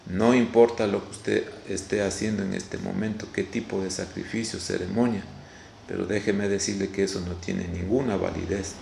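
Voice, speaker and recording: A low, gravelly-voiced Ecuadorian man preaching a video sermon. He speaks haltingly, restarting phrases and repeating his words. His voice rings in an echoey room over a faint hiss of noise. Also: steady tone, darkish tone. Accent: Ecuadorian Spanish. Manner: halting, repeats words, frequent "Gloria a Dios".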